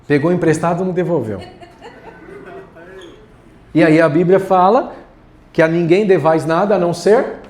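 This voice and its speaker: High-voiced joking pastor preaching. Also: male voice, a little mellow. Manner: casual, joking, talks straight to the congregation. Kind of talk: sermon. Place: church hall.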